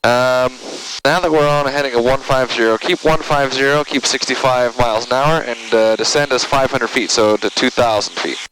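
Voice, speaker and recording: A man working as a flight instructor, giving calm, encouraging instructions in short directions over a cockpit intercom. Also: mid-range voice, normal speed, hardly any pauses. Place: inside a small airplane in flight. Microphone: aviation headset intercom. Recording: loud engine noise, small plane cockpit.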